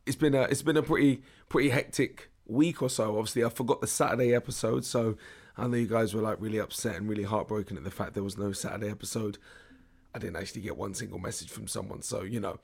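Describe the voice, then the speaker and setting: A young British man with a hoarse, worn-out voice, hosting a casual podcast in a jokey, slangy, rambling way. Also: medium pitch. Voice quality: hoarse, strained voice. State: hoarse, losing his voice. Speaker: podcast host. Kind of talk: casual solo podcast chat.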